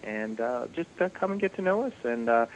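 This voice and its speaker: A man's voice: medium pitch, animated, a little fast. Man on a dull, hissy radio line. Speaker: ministry guest. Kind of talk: radio interview conversation.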